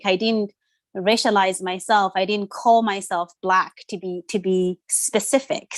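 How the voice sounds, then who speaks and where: In a dry recording, a medium-pitched woman speaks as an interview guest, reflective and hesitant with frequent fillers. She's a Zimbabwean social worker in her 30s who speaks Ndebele, and the conversation is interview-style.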